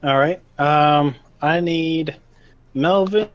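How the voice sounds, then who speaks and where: A man narrating as game master of a tabletop game, slow and halting with fillers. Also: fairly high pitch, clear, resonant tone, dry recording. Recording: dull lo-fi sound.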